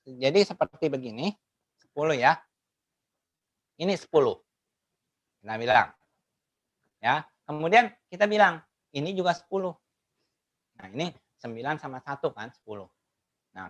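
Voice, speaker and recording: A woman teaching math in an online webinar, laughing often and asking her audience lively questions. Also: fairly low pitch. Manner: laughs often between phrases; acts out quoted remarks in changed voices.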